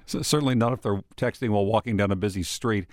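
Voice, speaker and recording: A man's voice: fairly low pitch, fast, no echo, studio quality. A man hosting a radio call-in interview in an informal, inquisitive way. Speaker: call-in show host.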